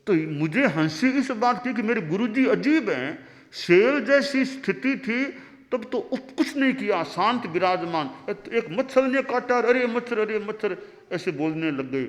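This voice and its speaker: A man's voice: sits high, lively intonation, moderate pace, pitched above the performer's own voice. A man doing an eager boy disciple. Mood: teasing. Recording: long hall reverb.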